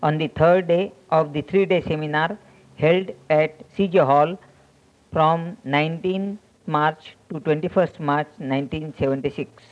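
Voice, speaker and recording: A man reads a formal introduction in a fairly high, plain voice. He sounds set back from the microphone. The old recording is muffled. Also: fairly even intonation, unhurried.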